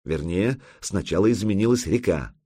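A man narrating an audiobook with expressive storytelling and a husky voice. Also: low voice, normal speed, no echo. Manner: expressive storytelling with lively intonation.

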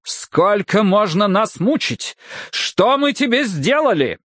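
A man voicing an indignant, gray-haired gentleman in his fifties in an audiobook, lifting his voice higher in outrage. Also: sing-song, slow, no echo, clean studio sound, heavily acted. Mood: outraged. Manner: raised, outraged pitch.

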